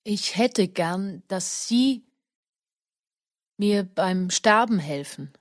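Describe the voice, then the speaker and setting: A woman reading the part of a stiff, weary old man in an audiobook, speaking slowly and solemnly. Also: medium pitch, animated, no echo, clean studio sound.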